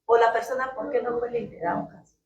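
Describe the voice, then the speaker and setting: A woman's voice: on the high side, fairly even intonation, brisk. Distant woman giving testimony. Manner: storytelling, quotes family dialogue. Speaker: church member and mother. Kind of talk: personal testimony in discussion. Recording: distant, roomy, dull sound.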